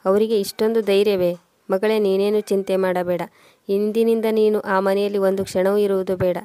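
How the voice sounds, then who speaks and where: A fierce mother who takes her daughter's side, as a woman narrator voices her in a storybook reading. Her voice runs flat and level. Dry, close sound. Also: medium pitch, normal speed, no echo, lightly acted. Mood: indignant. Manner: firm, indignant.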